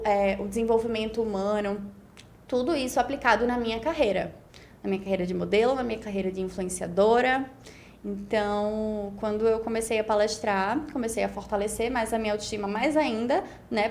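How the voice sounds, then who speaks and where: A woman's voice: a little high, a little mellow, a little hiss or hum. A woman in her twenties with a Pernambuco accent, a podcast guest talking through her story in long, reflective stretches, often tagging on "né?". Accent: Brazilian Portuguese, Pernambuco. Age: 20s. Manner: reflective, talks in long run-on stretches with frequent "né?". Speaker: guest, beauty pageant winner. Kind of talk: casual podcast interview.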